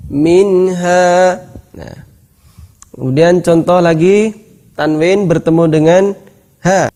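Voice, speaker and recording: A man with an Indonesian accent teaching tajwid. He explains each rule and then recites the examples slowly, repeating them. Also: fairly high pitch, mellow. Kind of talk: tajwid lesson with chanted examples.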